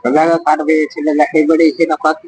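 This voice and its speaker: A man's voice: on the high side, monotone, a little fast, darkish tone, a little hiss or hum, low-quality recording. An older homeless man answering questions in mumbled, hard-to-follow speech. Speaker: homeless man being helped. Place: outdoors on a street.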